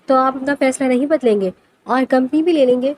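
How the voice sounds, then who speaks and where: A woman's voice: high-pitched, a little mellow. A woman voicing a frustrated young man who refuses his family's inheritance, speaking in a protesting way in a storybook reading. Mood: frustrated defiant. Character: young man, heir, fed up and defiant.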